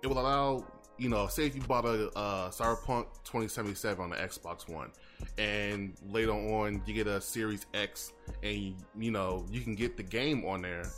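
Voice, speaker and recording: Male podcast host, relaxed, lowish voice, loose delivery. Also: moderate pace, faint music behind. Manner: laid-back, loose, repeats words when excited. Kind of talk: casual chat.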